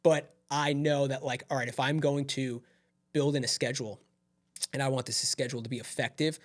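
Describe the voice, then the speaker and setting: A man chatting as a podcast guest, energetic and affirming, quick to agree. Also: medium pitch. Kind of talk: casual chat.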